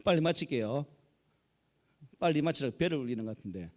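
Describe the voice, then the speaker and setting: A man's voice: medium pitch, expressive, fairly quick. A middle-aged man with a Gyeongsang accent preaching a folksy sermon and joking with the congregation. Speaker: pastor.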